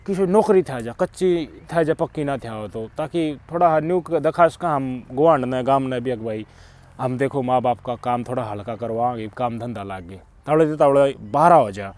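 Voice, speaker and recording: A middle-aged man with a Haryanvi accent hosts a channel, delivering preachy, emphatic social commentary that swings from loud outbursts to muttered asides. His pitch is medium and he talks at a normal speed.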